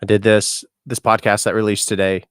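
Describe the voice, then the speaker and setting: A man's voice: lowish voice, flat delivery, brisk, clear, resonant tone, no room sound, clean studio sound. A man chatting casually to his vlog audience, rambling and self-deprecating. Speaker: musician and content creator.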